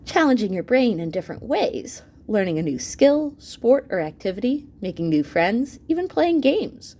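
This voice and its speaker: Reading aloud from an educational book as a teacher, a woman speaks to her students at a medium pitch and normal speed. She's animated throughout, breaking off to address her listeners with asides and exclamations.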